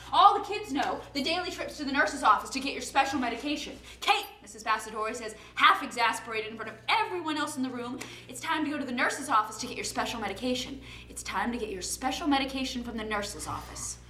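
An actress on a stage playing a scattered, defensive young woman with attention deficit disorder who rambles quickly. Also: high voice, expressive, sharp tone, a little hiss or hum. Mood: rueful. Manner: rapid, rambling, quick to take offense. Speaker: stage actor. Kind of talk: live stage comedy acting. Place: theater stage. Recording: roomy stage sound.

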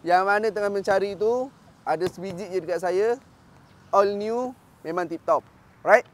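In a motorcycle shop's outdoor parking lot, a thirtyish dealer with a Malaysian Malay accent pitches a bike with upbeat patter and English fillers. He speaks in a high-pitched voice at a moderate pace.

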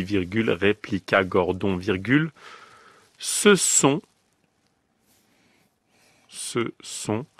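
A man's voice: fairly low pitch, dry recording. A man reading a dictation on the radio, going word by word, calling out the punctuation and repeating each phrase. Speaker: dictation reader. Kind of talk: slow, deliberate dictation. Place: radio studio.

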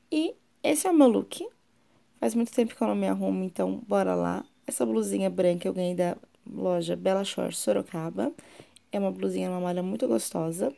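A woman's voice: medium pitch, vocal fry, a bit bright. A young Brazilian mother with a São Paulo interior accent, chatting playfully and coaxing her little daughter in a casual family vlog. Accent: Brazilian Portuguese, São Paulo interior. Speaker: vlogger, mother.

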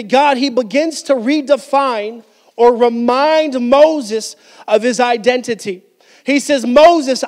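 A man's voice: very high-pitched, a little mellow. A man in his thirties preaching a sermon on a church stage into a handheld mic, with emphatic delivery and frequent restarts. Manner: emphatic preaching with repeated restarts, gesturing while speaking. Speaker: pastor. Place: church stage, indoors, medium-sized hall. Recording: hall with long reverb.

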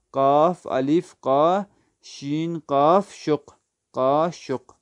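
A man's voice: on the high side, a little mellow, clean tone, no echo. Patient male language teacher drilling vocabulary. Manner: patient, asks a question then answers it, spells words letter by letter. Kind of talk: online lesson, slow word drills.

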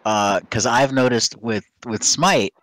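A man's voice: medium pitch, slow, fairly bright tone, no echo. A young man chatting casually on a podcast, complaining in a laid-back way about online games. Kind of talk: casual chat among friends.

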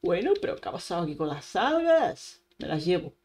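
A woman's voice: lowish voice, big pitch swings, brisk, a little mellow. A woman with an accent from Spain giving casual, chatty let's-play commentary, talking straight to her viewers and using lots of playful diminutives. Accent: Spain Spanish. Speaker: gaming channel host.

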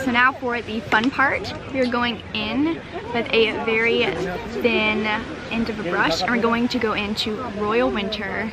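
A young woman hosting a makeup tutorial, bubbly and chatty, sitting at an outdoor picnic table near the beach and filming herself up close. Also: fairly high pitch. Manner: bubbly, chatty, lots of "super" and "fantastic". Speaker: beauty vlogger. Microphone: handheld camera close up.

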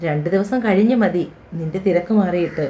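A woman voicing a gentle, fatherly retired uncle in an audio story, softly apologetic and fond. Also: sits high, brisk, close to an everyday voice. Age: older.

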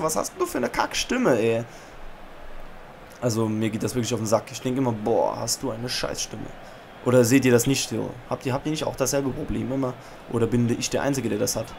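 A young man hosting a football video game let's play, chatting casually and shouting player names when play gets exciting, recorded on a desk microphone at home. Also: medium pitch, slight background noise. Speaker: gaming channel host. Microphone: USB podcast microphone.

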